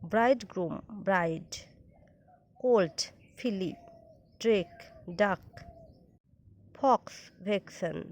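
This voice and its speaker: A woman with a Bengali accent, teaching a basic English grammar lesson, reading word pairs slowly and evenly and explaining in a calm tone. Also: medium pitch. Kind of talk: scripted lesson narration.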